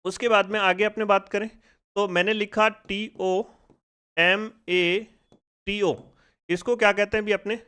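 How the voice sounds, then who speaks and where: A man's voice: high voice, flat delivery, unhurried, long pauses, pushed and bright, clean tone. A man teaching a spoken phonics lesson in speech, asking the class questions and drilling each sound step by step. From India.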